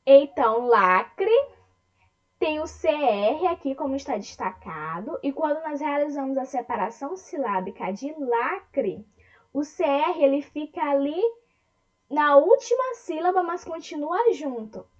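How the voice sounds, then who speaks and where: Brazilian teacher lady, high animated voice, kinda dull lo-fi recording, asks the kids questions. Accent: Brazilian Portuguese. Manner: slow, syllable-by-syllable teacher talk with questions to children. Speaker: primary school teacher. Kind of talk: online lesson with slides.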